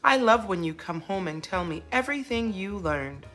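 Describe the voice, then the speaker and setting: A woman's voice: mid-range voice, expressive, moderate pace, fairly bright tone, soft background music, lightly acted. A woman voicing a loving mother zebra who speaks in a tender, encouraging storybook manner. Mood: reassuring.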